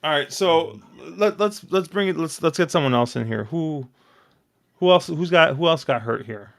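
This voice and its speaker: A man hosting a casual podcast, telling long, excitable stories full of fillers and restarts. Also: on the high side, normal speed, gravelly, no room sound, studio quality. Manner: rambling, excitable storytelling with many fillers. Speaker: podcast host.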